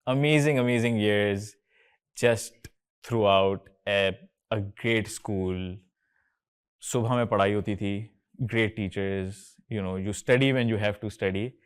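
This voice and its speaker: A Karachi man in his thirties, a company co-founder, hosts a casual, chatty session with students, his Pakistani-accented speech often switching between English and Urdu. His voice sits lowish, with a clear, resonant tone.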